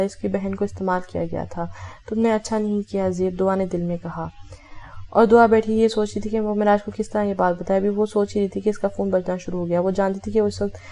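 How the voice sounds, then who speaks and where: A woman's voice: mid-range voice, mellow. A woman reading a romance novel aloud, voicing every character in her own voice with small self-corrections. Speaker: audiobook narrator.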